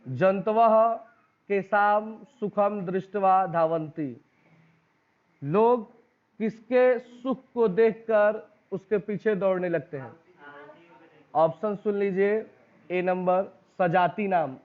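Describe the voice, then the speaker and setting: High pitched bihari guy teaching exam prep in a classroom, keeps asking the class and repeating answers, phone-quality audio. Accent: Bihari Hindi. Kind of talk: exam-prep lesson, reading out quiz questions and options. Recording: tinny phone-like recording.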